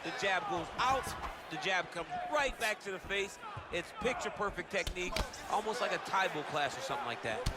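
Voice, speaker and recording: A man's voice: high-pitched, lively intonation, fairly quick. A man giving analytical live fight commentary as a color commentator on a broadcast. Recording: very noisy live arena broadcast.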